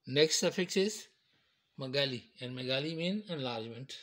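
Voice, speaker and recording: Man slowly explaining medical terms. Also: medium pitch, expressive, fairly bright tone. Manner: slow, repetitive, explains step by step. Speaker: teacher. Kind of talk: medical terminology lecture.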